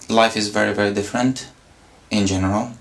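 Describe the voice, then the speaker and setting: A man's voice: fairly low pitch, fairly even intonation, gravelly, a bit bright. A young man from Syria, answering interview questions carefully and hesitantly. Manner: careful, hesitant, many pauses. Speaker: interview guest.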